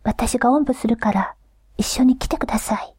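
A woman voicing a devoted young grandson, whispering earnestly and a little higher than her narration. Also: brisk, darkish tone, slightly rough, no room sound, clean studio sound. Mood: pleading.

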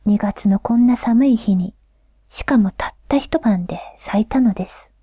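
A woman tells an old folk tale in a soft, unhurried whisper, close to the microphone. Her voice is mellow and airy, somewhat high, and the room is dry with no echo. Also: husky. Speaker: storyteller.

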